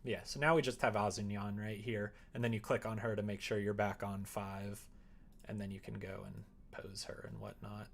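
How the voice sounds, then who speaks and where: This streamer's voice sits on the low side, and his delivery is flat at a moderate pace. He rambles and thinks out loud as he works through a tutorial in a casual livestream chat, with keyboard clatter and background noise behind an otherwise clear recording.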